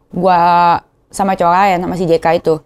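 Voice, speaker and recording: A woman's voice: lowish voice, little pitch movement, fairly quick, a little mellow. A young woman with a Jakarta slang accent, talking in a casual confessional vlog, emotional and rambling, often repeating herself. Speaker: vlogger.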